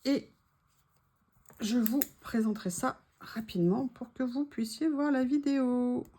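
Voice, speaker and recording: A woman chatting casually to her viewers while unboxing craft supplies, gushing softly and adding small asides. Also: a little high, a little slow, slightly rough. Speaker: craft vlogger.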